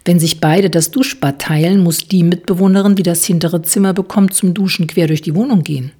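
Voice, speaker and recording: A curious, impulsive middle-aged woman who presses with question after question, voiced by the narrator herself. Her voice sits low and husky. It reads like an audiobook dialogue. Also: steady tone, brisk, mellow.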